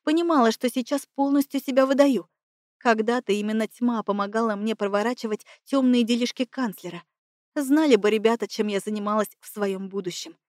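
A woman's voice: on the high side, brisk, darkish tone, no room sound. Woman narrating an audiobook, dry studio sound. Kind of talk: first-person fantasy audiobook narration.

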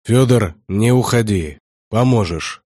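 A man's voice: darkish tone, no echo, clean studio sound, close to an everyday voice. A man doing a stern grey-haired warrior-prior. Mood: stern commanding. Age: older. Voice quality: deep bass. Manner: gruff, barking orders, slow and weighty. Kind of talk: audiobook character voice.

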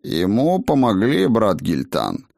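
A man voicing a slow, thoughtful male dwarf who speaks in a deliberate, musing way. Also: fairly low pitch, wildly swooping pitch, creaky, darkish tone, dry recording, studio quality, full character voice.

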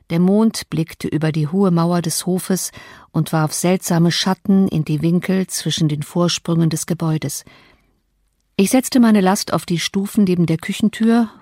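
A woman's voice: on the low side, a little mellow, no echo, studio quality. Woman reading a classic novel aloud. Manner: measured, slow on key phrases. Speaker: audiobook narrator. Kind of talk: scripted narration of a classic novel.

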